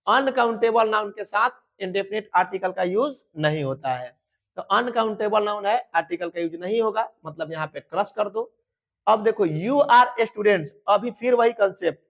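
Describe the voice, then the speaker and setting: A man teaching an exam-prep grammar lesson, lively and colloquial, often asking his students rhetorical questions. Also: sits high, muffled recording. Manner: colloquial and teasing. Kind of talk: online exam-prep lecture.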